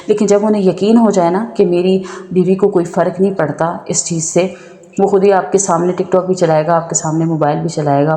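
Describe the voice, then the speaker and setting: A woman's voice: lowish voice, dark tone. A woman vlogger telling a personal story and giving advice in a chatty way, often checking in with her listener. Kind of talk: casual storytelling and advice talk. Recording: echoey room with long reverb.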